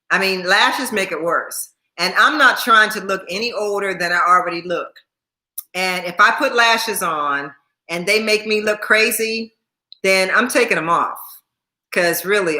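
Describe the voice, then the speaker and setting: On a livestream, a YouTube host in her sixties chats casually, repeating herself, laughing often and thanking viewers by name. Her voice is medium-pitched with a sharp tone, and the room sounds echoey.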